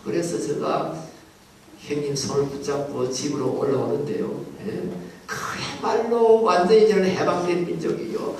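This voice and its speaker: A pastor telling a childhood story in a sermon, acting out the people in it. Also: male voice, fairly high pitch, normal speed, slight background noise. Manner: animated storytelling, acts out voices. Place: large church hall. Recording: echoey hall from far off.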